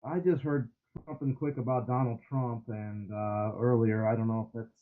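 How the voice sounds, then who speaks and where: A man's voice: medium pitch, fairly even intonation, normal speed. A man speaking over a phone with earbuds that sound muffled, as if heard through a wall, talking hesitantly with many ums. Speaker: call-in participant. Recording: muffled dull phone line.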